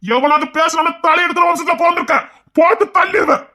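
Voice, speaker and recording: A woman's voice: very high-pitched, quick pace, bright, forceful tone, slight background noise. A woman voicing a hot-tempered middle-aged man, a maternal uncle who blusters, threatens and boasts about his family line in an audio family drama. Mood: threatening.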